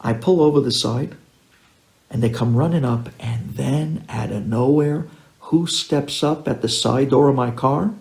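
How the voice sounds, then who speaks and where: A male rabbi tells a story in a gravelly, creaky voice. His delivery is vivid, dropping to a hush and then rising loud. The room around him rings with echo. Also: mid-range voice, measured pace. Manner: vivid, swings from hushed to loud. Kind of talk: animated storytelling. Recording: roomy echo.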